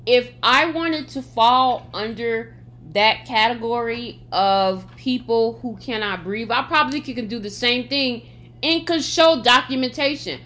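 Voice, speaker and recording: A woman's voice: fairly high pitch, a bit bright. A woman hosting a solo podcast, speaking bluntly and emphatically with a slight lisp from sores in her mouth. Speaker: podcast host. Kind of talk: opinionated solo podcast talk.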